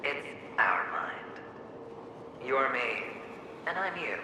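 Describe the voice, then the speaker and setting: An actor voices the mocking inner double of a young man, taunting him and slipping into hissed whispers. The delivery is slow and sing-song in a mid-range voice. Heavy echo makes him sound distant, with game ambience noise underneath.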